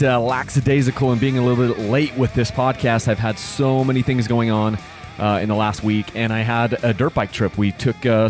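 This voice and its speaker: A man in his late thirties hosting a solo podcast, talking casually in a rambling way with many fillers and restarts. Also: medium pitch. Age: 30s. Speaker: podcast host.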